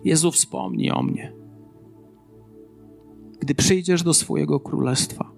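High-voiced pastor preaching with repetition. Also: male voice, slow pace, vocal fry, faint music behind. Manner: earnest preaching with emphatic repetition. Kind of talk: sermon.

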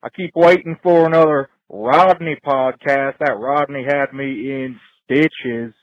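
A man leaving a joking voicemail message in a slow, folksy, teasing drawl, played back from a recording. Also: medium pitch, steady tone, no echo, lo-fi sound.

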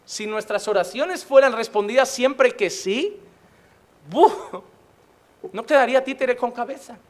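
A man's voice: very high voice, measured pace. A man preaching a sermon as a pastor, impassioned and emphatic, with touches of humor.

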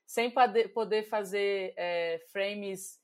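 A woman's voice: mid-range voice, fairly even intonation, very slow, darkish tone. A Brazilian woman co-hosts a podcast in an easy conversational tone and keeps the talk moving with her questions. Her voice sits in an ordinary middle range for a woman. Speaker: podcast co-host. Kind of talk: casual podcast chat.

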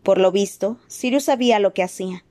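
A woman voicing a calm, courteous old male wizard in an audiobook, measured and gently good-humored. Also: medium pitch, close to an everyday voice. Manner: measured, polite, gently amused. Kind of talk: audiobook character voice.

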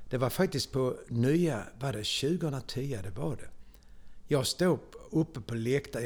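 An older man from Sweden with a Scanian accent, telling personal stories in a theatrical way and breaking into sudden loud exclamations. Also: mid-range voice, vocal fry. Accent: Scanian Swedish. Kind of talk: animated personal storytelling.

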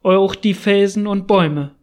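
A man's voice: high voice, a little slow, a little mellow. A man doing a frightened old settler. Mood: anxious. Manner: urgent, anxious speech.

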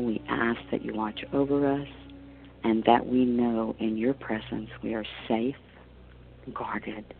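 A man leading a guided meditation as a spiritual teacher, giving slow, counted deep-breath instructions in a hushed, soothing, measured way with long pauses. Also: gravelly, a little hiss or hum. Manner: soothing, hushed, measured delivery with trailing soft phrase endings. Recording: dull lo-fi audio with soft music. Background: soft meditation music.

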